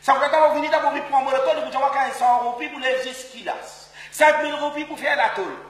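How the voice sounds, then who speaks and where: A male comedian with a Mauritian accent performing a comic monologue in broken French mixed with Creole phrases, often laughing and breaking into shouts. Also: very high voice, brisk, echoey room, recorded from a distance.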